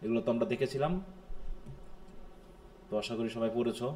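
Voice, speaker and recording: A man from Bangladesh with a Bangladeshi Bengali accent, teaching a live linguistics class. He explains in Bengali, keeps asking the class questions, and reads English definitions slowly. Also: medium pitch, little pitch movement, a little mellow, slight background noise. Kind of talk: live lecture.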